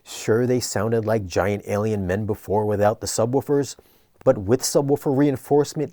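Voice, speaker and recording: A man narrating an equipment review in a conversational but scripted, measured, explanatory way. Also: lowish voice, dark tone, no room sound, clean studio sound.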